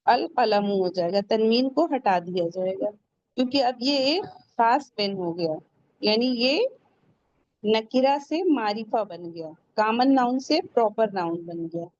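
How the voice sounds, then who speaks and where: A woman teaching a tajweed class. She explains each rule step by step, asks questions and answers them herself, and slows down to pronounce the Arabic words carefully. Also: fairly high pitch, animated, darkish tone, dull audio. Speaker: Quran recitation teacher. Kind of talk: tajweed lesson.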